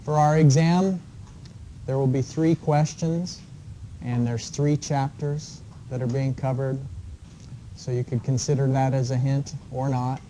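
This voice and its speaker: Guy teaching an engineering class, mellow voice, lots of ums, faint hiss in the room. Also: mid-range voice, a little slow, low-quality recording. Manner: relaxed, explanatory, with frequent fillers. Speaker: engineering professor. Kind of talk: classroom lecture. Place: lecture classroom.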